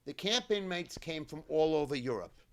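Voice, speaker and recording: This male cantor, whose voice sits on the high side with a fairly bright tone, gives the keynote at a memorial event. He retells a survivor's experience as if it were his own, using lively intonation but a slow, deliberate pace of brief phrases.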